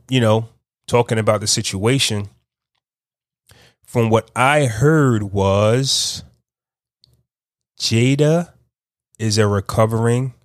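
A man hosting a podcast, giving casual unscripted commentary, talking slowly and thinking aloud with frequent restarts. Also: on the low side, no room sound, studio quality. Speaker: podcast host.

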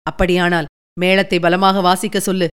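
A woman reading the part of a dying young male outlaw, gentle and resigned, in a faint, tender voice. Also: on the low side, little pitch movement, normal speed, smooth, pitched below the performer's own voice, close to an everyday voice.

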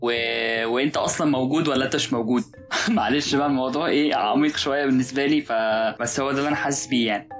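A man's voice: medium pitch, very fast, over music, low-quality recording. A young man with an Egyptian Arabic accent, thinking aloud in a casual philosophical podcast chat, hesitant and musing. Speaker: podcast co-host.

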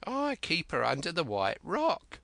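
A male narrator puts on a wild old castaway who rambles eagerly in rustic dialect, his voice jumping high and swooping wildly, with vocal fry. The exaggerated delivery is slow and bright, close and dry in a dry recording, and the mood is wary.

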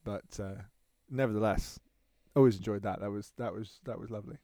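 A thirtysomething Englishman co-hosts a podcast, telling stories in a casual, chatty way and laughing often. His voice sits lowish and moves at a fairly quick clip, with a crowd audible behind him.

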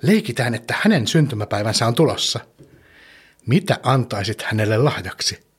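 A man hosting a children's podcast, gently telling a story and asking the young listener questions. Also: medium pitch, animated, slightly rough.

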